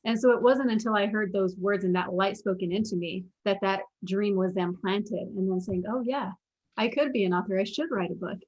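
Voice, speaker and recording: Brisk and a little mellow, a young adult woman's mid-range voice comes through lo-fi sound. The former pro basketball player, now a mental performance coach, is a guest in an interview, earnestly telling her story and quoting things she once thought.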